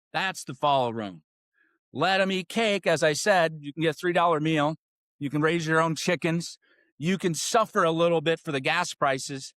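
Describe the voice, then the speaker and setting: A man's voice: a little high, a bit bright, no echo, clean studio sound. A man hosting a political podcast, ranting with angry, sarcastic, profane commentary. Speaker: podcast host.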